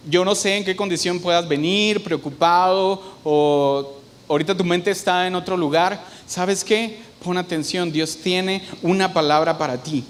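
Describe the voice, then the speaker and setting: A young man from Mexico, preaching a sermon in a conversational way and often putting questions to the congregation. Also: sits high. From northern Mexico.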